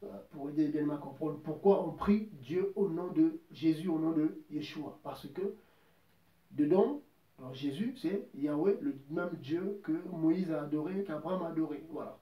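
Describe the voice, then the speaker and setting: A man's voice: fairly high pitch, normal speed, recorded from a distance, muffled recording. A man preaching an informal sermon, emphatic and repetitive, quoting scripture at length. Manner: emphatic, repeats words, quotes scripture at length. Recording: roomy echo, voice from off mic.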